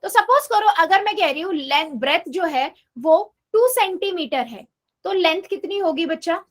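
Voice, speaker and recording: A woman with a very high voice teaches math in a live online class. She coaxes her students patiently and asks each question again and again, slipping English math terms into her sentences. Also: lively intonation, normal speed.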